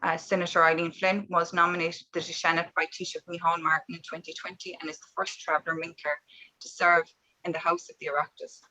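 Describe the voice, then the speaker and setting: A woman with an Irish accent speaking as an MC, giving a formal, partly read introductory speech in a measured way, now and then stumbling over a word. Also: lowish voice, flat delivery, bright, forceful tone, low-quality recording. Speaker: event MC and community project manager.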